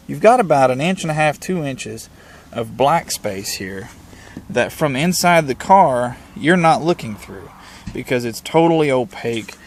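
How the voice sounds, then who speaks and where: In a mid-range voice against slight background noise, a hobbyist explains a vehicle radio installation step by step. His hands-on tutorial is casual and plain-spoken, filmed in and around a parked pickup truck.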